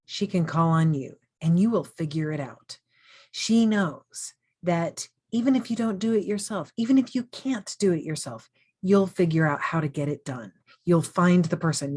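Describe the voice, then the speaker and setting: A woman coach leading a guided meditation in a slow, soothing, gently inviting way. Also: lowish voice.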